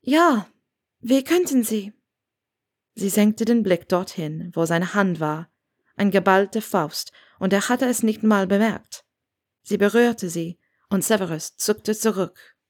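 A woman narrating a fan fiction story in a measured, expressive storytelling voice. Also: mid-range voice, dry recording, clean studio sound. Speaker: audiobook narrator. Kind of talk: reading fan fiction aloud.

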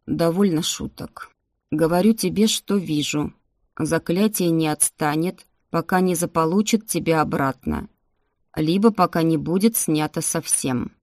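A woman voicing a slow, cryptic old shaman. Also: no room sound, clean studio sound. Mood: grave, cryptic. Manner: slow, low, measured pronouncements. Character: old shaggy-haired male shaman, calm, cryptic. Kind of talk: audiobook character voice.

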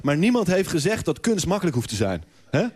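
A man playing a smug, fast-talking TV producer. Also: fairly high pitch, very animated, darkish tone, husky. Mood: lecturing. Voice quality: pompous, preachy. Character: smug adult male TV producer, self-important. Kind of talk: radio comedy sketch.

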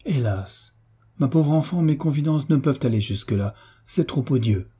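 A man's voice: mid-range voice, moderate pace, mellow, husky, natural voice. A man reading the part of a sweetly scheming pious woman, speaking in an unctuous, sighing way. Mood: sanctimonious.

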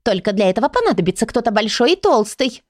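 A woman voicing a tiny, excitable girl storybook with a squeaky, high voice, read in a dry recording. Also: quick pace, no room sound. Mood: eager.

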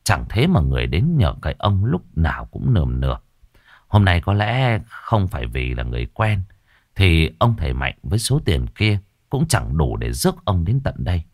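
A man narrating a ghost story in a dramatic, expressive way. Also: deep voice, normal speed, dry recording, studio quality.

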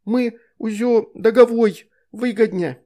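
A man's voice: high voice, slow, dark tone, pitched above the performer's own voice. A man reading an audiobook voices a stubborn little girl with a pouty, lisping baby talk. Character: stubborn little girl, sweet-toothed, whiny. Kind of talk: audiobook character voice.

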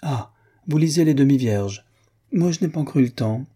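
A man's voice: mid-range voice, expressive, normal speed, warm tone, husky, voice pushed up. A man voicing an affected, coolly calculating society baroness in a read-aloud novel, with an airy, mannered delivery. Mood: affected surprise.

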